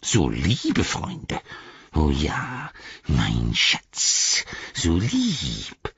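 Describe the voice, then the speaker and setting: A man's voice: wildly swooping pitch, very slow, vocal fry, fairly bright tone, husky, no room sound, heavily acted. A man voicing a creepy hissing male creature that whines and wheedles in a whispery, swooping voice, in a slightly dull recording. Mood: wheedling. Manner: sly, whining, wildly swooping pitch.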